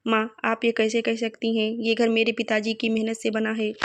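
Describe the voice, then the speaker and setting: A woman's voice: a little high, completely flat delivery, moderate pace, no echo, natural voice. A woman narrator voicing an earnest, hardworking elder son in a storybook reading.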